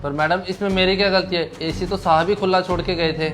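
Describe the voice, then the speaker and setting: A man's voice: high-pitched, fairly even intonation, a little fast, fairly bright tone, soft background music. A man playing a poor young driver who pleads politely with his employer in a scripted skit. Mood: pleading.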